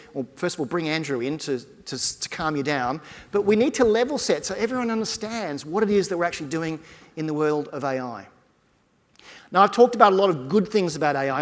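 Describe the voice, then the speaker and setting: A man gives a keynote from a conference stage, speaking with energy and addressing the crowd directly. His voice sits a little on the high side. It carries a long hall reverb.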